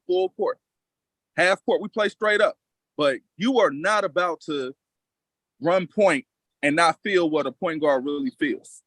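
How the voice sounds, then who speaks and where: A man's voice: fairly high pitch, a bit bright, no echo, poor audio. A man with coaching experience breaking down basketball on a casual podcast, talking emphatically and confidently and repeating lines for effect.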